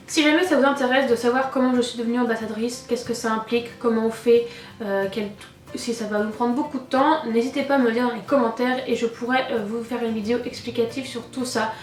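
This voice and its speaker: A woman with a French accent from France, chatting enthusiastically through an unboxing, her voice thick with a cold and sore throat, as if her tonsils were swollen. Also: a little high. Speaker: beauty vlogger and cosmetics brand ambassador. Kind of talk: casual chatty unboxing narration. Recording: roomy echo, distant mic, music.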